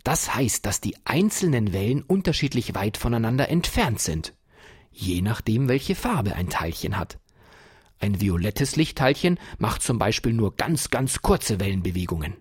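A man voicing a kindly, enthusiastic old professor who patiently explains things to a child, in a husky voice. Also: lowish voice, no echo, clean studio sound. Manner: patient explaining, lively delight.

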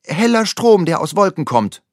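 Man playing a little storybook girl, clever, eager, explaining, high-pitched, lively. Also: moderate pace, no echo, clean studio sound.

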